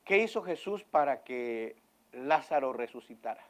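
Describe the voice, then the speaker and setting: A male pastor preaching in church, swinging from loud emphatic lines to hushed ones and questioning his congregation again and again. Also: medium pitch, expressive, a little slow. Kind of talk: sermon.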